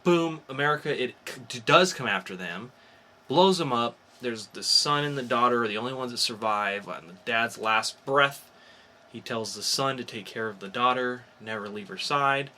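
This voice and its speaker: On this informal comic book review podcast, a male co-host talks with enthusiasm at normal speed. His medium-pitched voice is bright and forceful, and faint background noise can be heard.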